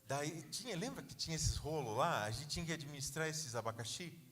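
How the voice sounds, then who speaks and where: A pastor tells his story from the pulpit in a loose, conversational sermon, with frequent asides to the congregation. His voice sits a bit high for a man. The sound carries the long reverb of a church hall. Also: animated, a little fast, fairly bright tone.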